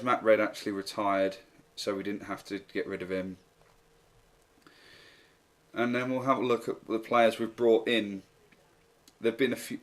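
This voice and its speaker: A man with a low, fairly flat voice commentates over a football management game. He works through the player signings one by one in an even, unhurried, matter-of-fact manner, recorded as a desk-mic voice-over. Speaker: gaming YouTuber.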